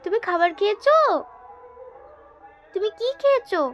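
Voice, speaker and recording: A woman's voice: extremely high pitch, animated, moderate pace, dull audio, faint music behind. A woman vlogger talking to her pet in cooing baby talk, coaxing and sing-song, repeating herself.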